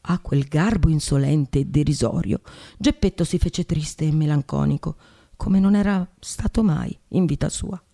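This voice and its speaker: A woman podcast host reading a classic tale aloud in a measured, expressive way. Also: low voice, vocal fry.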